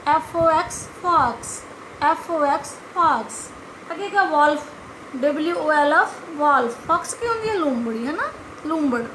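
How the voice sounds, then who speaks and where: A woman's voice: high-pitched, a bit bright, a little hiss or hum, poor audio. A woman teaching young children, spelling words letter by letter in a patient, repetitive way. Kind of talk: classroom vocabulary lesson.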